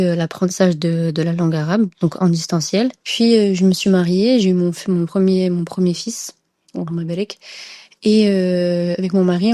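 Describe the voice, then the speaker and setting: A young adult woman, appearing as a podcast guest, tells her story casually, hesitating and repeating words for emphasis. Her voice is lowish and warm, recorded with studio quality and no room sound.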